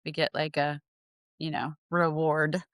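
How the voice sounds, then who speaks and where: A woman with a lowish voice chatting casually as a podcast co-host. She rambles and hesitates, restarting her sentences often. The sound is close and dry, with no room echo. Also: little pitch movement, unhurried.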